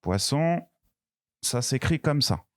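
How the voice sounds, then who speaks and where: A man teaching a beginner French pronunciation lesson, slow and patient, repeating each word and sound clearly. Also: medium pitch, expressive, darkish tone, no echo, studio quality.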